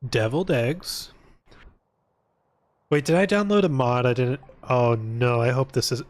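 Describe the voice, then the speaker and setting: A video game livestreamer with a mid-range voice gives unhurried, casual commentary as he plays, rambling, thinking aloud, and cracking jokes.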